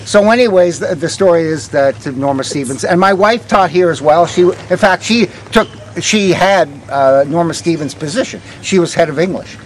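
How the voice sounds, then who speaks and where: An older man tells stories conversationally as a tour guide to a walking group, pausing hesitantly and letting line ends trail off. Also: fairly high pitch. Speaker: ghost walk guide, former vice principal. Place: outdoors on a town street. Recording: outdoor street recording with faint traffic noise.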